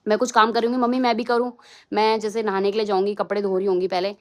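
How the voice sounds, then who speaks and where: A woman's voice: mid-range voice, flat delivery, rapid-fire. A young woman from Uttarakhand, India, chatting casually in a home vlog and now and then scolding her small son. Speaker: vlogger. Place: home, indoors.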